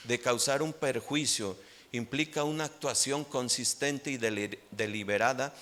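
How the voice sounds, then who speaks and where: A Mexican pastor with a Mexican Spanish accent, preaching a sermon emphatically and rising in pitch on key points. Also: male voice, fairly bright tone.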